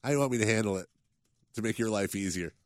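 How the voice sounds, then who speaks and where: A man's voice: fairly low pitch, fast, no echo, clean studio sound. A man hosting a sports radio show, talking in a casual, opinionated way, his voice nasal from a cold. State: has a cold.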